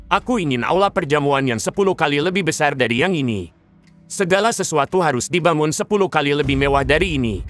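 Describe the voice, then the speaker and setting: Using a voice on the high side and a bit bright, a man plays a boastful, command-barking king in a dubbed cartoon. The character is an arrogant, greedy, middle-aged male monarch.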